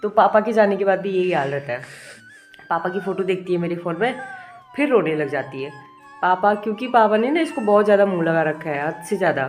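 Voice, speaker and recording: Chatty Indian mom vlogging at home. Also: female voice, lowish voice, animated, a little fast, soft background music. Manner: chatty, fondly scolding her crying child. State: has a bad headache. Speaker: vlogger, mother. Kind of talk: casual home vlog chat. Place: home, indoors.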